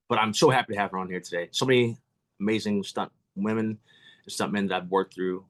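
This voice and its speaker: Fast-talking American man hosting a podcast. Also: low voice, fairly bright tone. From United States. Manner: eager, stumbles and restarts over words. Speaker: podcast host. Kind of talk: casual podcast interview.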